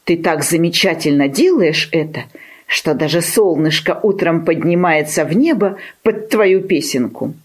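A woman voicing an eager, naive little male puppy in a storybook tale, squealing and excited. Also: lowish voice, unhurried, breathy edge. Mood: pleading.

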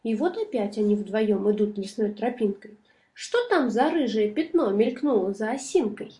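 A woman storyteller reading a children's story in rhyming verse with lively, expressive narration. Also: on the high side, normal speed.

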